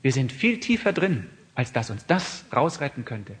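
A man preaching a sermon, earnest, asking his listeners questions and moving from quiet reflection to raised emphatic appeals. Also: medium pitch, big pitch swings, normal speed. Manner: asks the listeners many questions.

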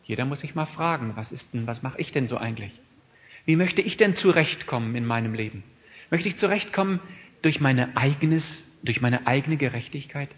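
A preacher delivers an earnest, searching sermon, pressing his listeners with one question after another. His medium-pitched, animated voice moves at a normal pace, sinking to a soft, reflective tone before swelling into loud, emphatic appeals.

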